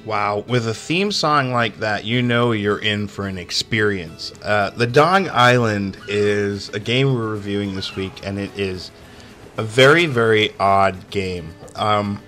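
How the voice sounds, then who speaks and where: A man's voice: on the low side, measured pace, pushed and bright. Laughing male game reviewer over faint music. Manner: amused, keeps breaking into laughter; sarcastic, chatty with many fillers.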